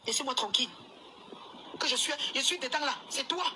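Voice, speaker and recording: Casting: high-voiced woman, scolding rant, traffic noise behind. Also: brisk, bright, forceful tone. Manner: scolding, insistent, repeats herself. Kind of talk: angry live video rant.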